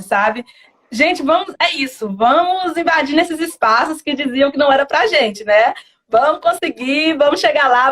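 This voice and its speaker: A young woman with a Bahian Portuguese accent talks in a casual interview. Her voice sits high, and she speaks earnestly and from the heart, often slipping into her mother's words. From Brazil. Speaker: interviewed medical student.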